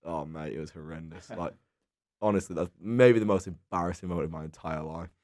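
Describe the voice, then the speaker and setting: Deep-voiced young man. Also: fairly quick, a little mellow. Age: early 20s. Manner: self-mocking, laughs through his stories. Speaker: podcast co-host. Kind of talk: casual chat.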